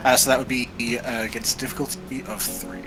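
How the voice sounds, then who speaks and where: A man narrating a tabletop role-playing game as game master, describing scenes in a measured way with fillers. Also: medium pitch, level tone, music in the background, low-quality recording.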